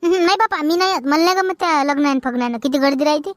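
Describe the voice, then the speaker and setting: Woman as a high, teasing Vidarbha village girl, dry mic. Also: steady tone, racing, no room sound. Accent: Vidarbha Marathi. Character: bold young village girl. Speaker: comedy actor. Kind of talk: rural comedy sketch acting.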